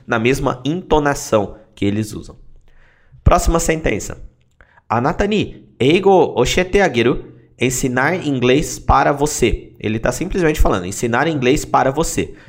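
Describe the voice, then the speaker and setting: Methodical man teaching phrases. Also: mid-range voice. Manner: methodical, breaks words into parts and repeats them slowly. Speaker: language teacher. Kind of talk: explaining phrases in a lesson series.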